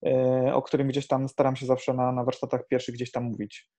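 A man who teaches improv, talking in a casual podcast chat, animated, swearing now and then and restarting his sentences. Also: medium pitch, normal speed.

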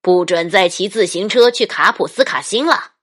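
A woman's voice: fairly high pitch, wildly swooping pitch, extremely slow, breathy edge, pitched above the performer's own voice, full character voice. A woman playing an alarmed, scolding father in a children's story, with emphatic exclamations.

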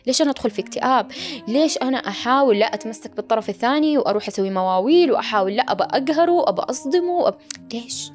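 A woman giving a motivational self-help talk, animated and fond of rhetorical questions she answers herself. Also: on the high side, racing, faint music behind.

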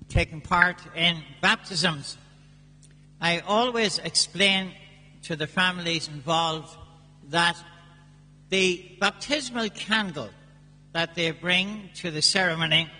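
A priest reading the gospel and preaching at Mass in a slow, measured way, his voice ringing with cathedral echo. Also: high voice, sharp tone. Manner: slow, measured liturgical delivery. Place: large church. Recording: long church reverb.

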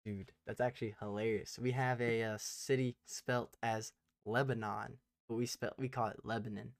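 A man from Tennessee chats about football on a podcast, relaxed and easily amused. His mid-range voice sits in a dry, close recording with no room sound. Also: mid-range voice, normal speed, clean tone, dry recording. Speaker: podcast co-host. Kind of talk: casual sports chat.

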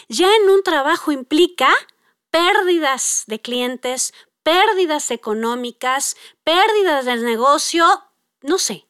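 A woman's voice: sits high, a bit bright, no room sound, studio quality. A middle-aged woman with a Mexican accent, speaking to parents as a parenting educator in a conversational way with frequent tag questions. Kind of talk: talk to parents.

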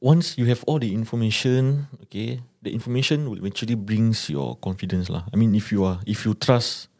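A man with a low, soft-edged, mellow voice talks in casual Singaporean Singlish. He gives advice conversationally as a guest, dropping in particles like lah and switching into Malay. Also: fairly quick. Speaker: podcast guest, small business owner.

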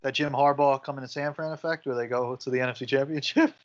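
A man's voice: mid-range voice, steady tone, fast talker. Blunt bro-talking man, muffled lo-fi sound. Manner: bro-talk, blunt and profane, like a frat bro. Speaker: sports podcast co-host. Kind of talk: casual sports banter. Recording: muffled lo-fi audio.

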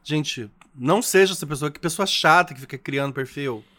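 A man's voice: a little high, brisk, a bit bright. A man with a Brazilian Portuguese accent co-hosting a podcast in casual, playful chat, teasing his co-host.

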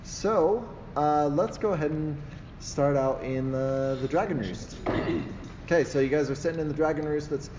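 A man narrating a tabletop game as game master, improvising in a halting way with pauses to think. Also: on the high side. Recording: echoey hall, muffled, loud background noise.

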